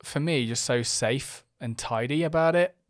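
A man's voice: mid-range voice, moderate pace, no room sound. A young man co-hosting a casual podcast, agreeable and relating his own experience into a studio mic. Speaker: podcast co-host. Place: small studio room with plant wall. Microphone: studio mic on boom arm, headphones.

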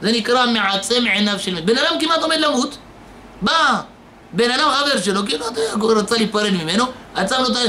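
A man's voice: very high voice, animated, pushed and bright, slight background noise. A man, a rabbi, giving a sermon and telling a story, acting out the quoted dialogue and putting rhetorical questions to his listeners. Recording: echoey room.

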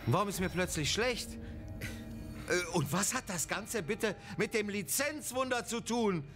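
Pompous male show host, highish voice. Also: measured pace. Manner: pompous, grandiloquent, excitable. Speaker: co-host of a bad-movie show. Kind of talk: theatrical scripted comic hosting. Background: music.

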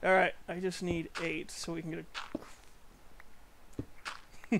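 A young man with a high, light voice talks through a game session in loose, joking commentary. He chats freely and laughs often, hosting with easy banter. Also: flat delivery, slow pace, gravelly, a bit bright, a little hiss or hum. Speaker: channel host. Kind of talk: gameplay commentary.

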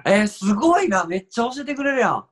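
Guy playing a kansai dude on a zoom sketch, chill, nods along a lot, kinda highish voice. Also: very animated, fast. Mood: easygoing. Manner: easygoing dialect chat, nodding along. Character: young man from Kansai meeting a Chiba guy. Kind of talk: remote sketch comedy. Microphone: video call.

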